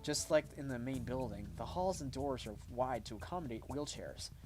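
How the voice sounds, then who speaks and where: A man's voice: mid-range voice, lively intonation, normal speed, music in the background. A man reading game text aloud on a stream, in a mid-range voice. His reading is casual, and he corrects his own slips as he goes. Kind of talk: reading a visual novel aloud.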